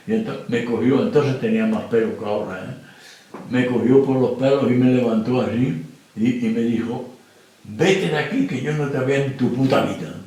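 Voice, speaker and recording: A man's voice: medium pitch, darkish tone. A very old man from Spain giving documentary testimony, plain-spoken and often checking that the listener understands. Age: older. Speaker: interviewee. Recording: very echoey room.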